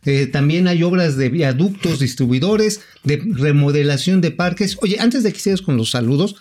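A Mexican man with a somewhat high voice co-hosts a casual news chat. He jokes and teases in slangy speech. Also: expressive, moderate pace, darkish tone. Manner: joking, slangy, teasing. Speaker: co-host.

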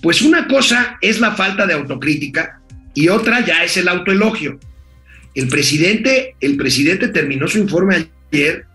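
An older man with a Mexican accent, his voice high and bright. He talks fast and loose on a political talk show and reads out comments from listeners. Faint music plays behind him. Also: lively intonation. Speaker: co-host.

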